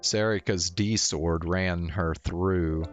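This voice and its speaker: A man streaming a visual novel, reading its narration aloud in a slow, even way. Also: sits low, music in the background.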